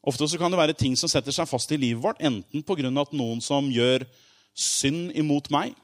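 A preacher with a voice on the high side gives an informal sermon, explaining things conversationally through everyday examples. He makes frequent asides, uses fillers, and slowly draws out key words for emphasis.

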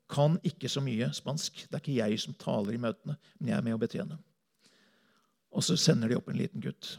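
Male missionary preacher, rough husky voice, earnest testimony sermon. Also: medium pitch, a little mellow. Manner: earnest storytelling, speaking to a congregation.

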